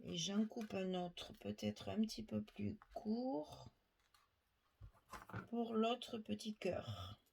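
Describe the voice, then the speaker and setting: A woman's voice: mid-range voice, animated, slow pace, vocal fry, pauses often, mellow, slight background noise. A middle-aged woman giving a step-by-step craft demonstration at her worktable, chatting to viewers as she works. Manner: chatty, explains while working, asides to viewers. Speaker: crafting tutorial host.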